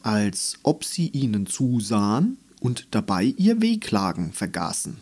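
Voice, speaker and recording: A man reading a storybook aloud as narrator in a gentle, expressive way. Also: on the low side, unhurried, husky.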